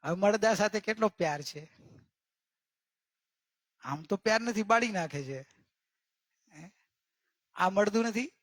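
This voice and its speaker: Man, spiritual teacher, religious discourse, very high voice, coaxing questions, slow stretched emphasis. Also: animated. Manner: questioning, coaxing listeners with repeated checks; drawls out key words slowly for emphasis.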